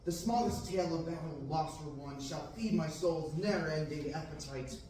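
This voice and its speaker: Reading from a table in a large classroom, a man lightly acts a restless farm boy dreaming of adventure, speaking yearning, declamatory Shakespearean verse at an amateur reading. His fairly high voice has a darkish tone and moderate pace. Picked up by a far room camera, the echoey recording carries a little hiss or hum.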